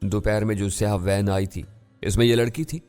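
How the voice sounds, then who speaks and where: A man's voice: lowish voice, flat delivery, darkish tone, smooth, faint music behind, lightly acted. A man voicing a frightened young male gang underling who pleads and blurts out what he knows. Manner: pleading, hurried. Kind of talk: audiobook character voice.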